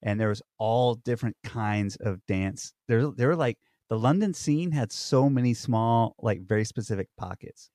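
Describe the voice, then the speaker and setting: A man's voice: medium pitch, normal speed, hardly any pauses, dark tone, no echo, clean studio sound. A man co-hosting a podcast, telling stories in rambling casual chat full of fillers and restarts. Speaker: podcast co-host. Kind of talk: casual conversation.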